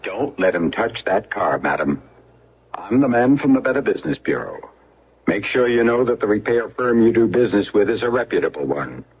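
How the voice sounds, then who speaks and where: An actor playing a brisk, authoritative consumer-watchdog spokesman in a vintage radio ad. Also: fairly low pitch, sing-song. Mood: officious. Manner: brisk, authoritative announcer delivery. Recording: muffled old radio recording with noise.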